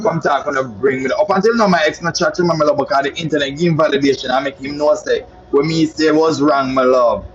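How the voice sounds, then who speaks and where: A Jamaican social media personality with a slightly high voice tells a story in casual patois, boastful and flamboyant, calling his listeners "my love." The sound is lo-fi.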